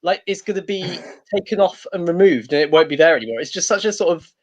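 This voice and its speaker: A man's voice: high voice, expressive, quick pace. Hesitant man rambling through stand-up. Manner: hesitant, rambling, many ums and restarts. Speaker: stand-up comedian. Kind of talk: stand-up comedy set.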